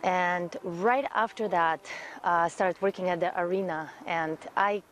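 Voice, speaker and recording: A woman's voice: lowish voice, fairly even intonation, a little slow, a little hiss or hum. A woman, a guest introducing herself in an interview, earnest, with many fillers and repeated words. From Russia. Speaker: guest, event producer.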